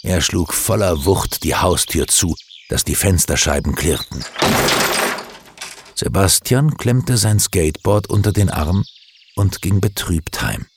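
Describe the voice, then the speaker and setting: Slow, expressive male storyteller. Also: low-pitched, background noise. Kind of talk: reading a children's story aloud.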